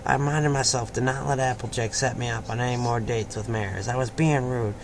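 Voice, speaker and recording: A man reads fan fiction aloud in an informal, amateur style, occasionally stumbling over words, in a clearly noisy home recording. His voice is medium-pitched and brisk, with fairly even intonation.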